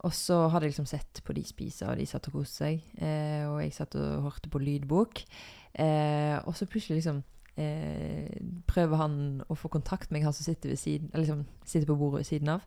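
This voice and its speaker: A young woman with a low-pitched voice and a gravelly, creaky edge. She hosts a relaxed conversation about faith. She tells stories loosely, full of fillers and little restarts. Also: few pauses. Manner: storytelling with many fillers.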